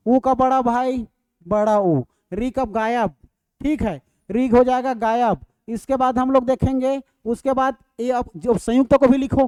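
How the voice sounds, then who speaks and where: A man's voice: very high voice, a little mellow, clean tone, no echo. A male teacher gives a classroom grammar lesson. He repeats key points and keeps checking in with his students.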